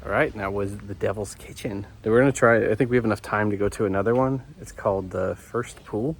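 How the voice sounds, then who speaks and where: A man's voice: lowish voice, fast talker, breathy edge. A man from South Carolina chatting casually with wry, self-mocking jokes while vlogging on an outdoor hiking trail, recorded on a handheld camera. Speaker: travel vlogger. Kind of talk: casual hiking vlog chat.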